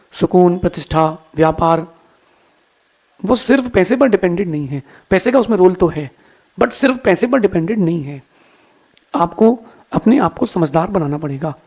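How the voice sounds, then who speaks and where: A man's voice: high voice, creaky, darkish tone. A man telling a moral story and lecturing listeners in a folksy, preachy way. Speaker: spiritual speaker.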